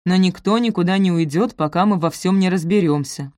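A stern, weary middle-aged magistrate, read by a woman, curt and impatient with the people before him. The voice sits low and close in a dry recording. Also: a little fast, mellow, no room sound, natural voice.

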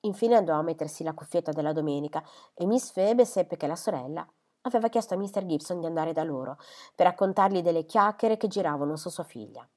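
A woman narrates a classic novel in a measured, expressive way. Her voice sits slightly low for a woman. It is a plain audiobook reading. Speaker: audiobook reader.

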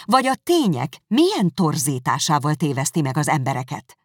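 An audiobook narrator voicing an indignant, sharp-tongued young woman who accuses emphatically and heatedly. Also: medium pitch, huge pitch swings, dry recording, studio quality. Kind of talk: audiobook character reading.

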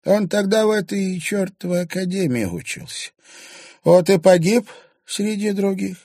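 A man's voice: expressive, mellow, no echo, clean studio sound, heavily acted. A man voicing a bitter, spiteful old woman who mumbles and drags out her words ominously. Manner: shrill, drawn-out, mumbling.

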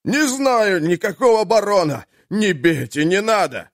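A man's voice: on the high side, animated, normal speed, a little mellow, dry recording, clean studio sound, voice pushed up, close to an everyday voice. A man doing a panicked, begging jailer. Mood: pleading. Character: terrified beaten male jailer, pleading.

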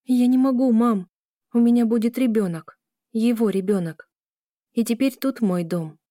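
A woman's voice: on the high side, moderate pace, dark tone, no echo, studio quality, voice pushed up, close to an everyday voice. Woman doing a tearful young daughter. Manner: pleading, shaky.

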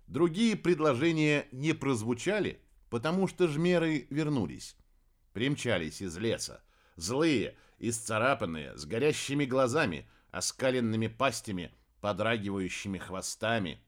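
A man narrating a fantasy audiobook with dramatic, expressive delivery. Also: mid-range voice. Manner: dramatic, varied intonation.

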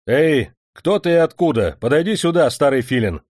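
A man's voice: fairly high pitch, expressive, moderate pace, a little mellow, no echo, studio quality, voice pushed up. A man voicing a stern, arrogant wealthy factory owner who speaks in a cold, commanding way.

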